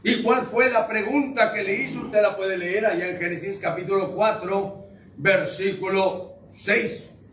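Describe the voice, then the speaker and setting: A preacher delivers a sermon in a high, bright voice, teasing the congregation and throwing questions at them. He sounds a bit far from the mic, his voice bouncing around a reverberant church with faint noise underneath. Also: fairly even intonation, measured pace. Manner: joking, questions the congregation directly. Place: church sanctuary. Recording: echoey room, distant mic, faint noise.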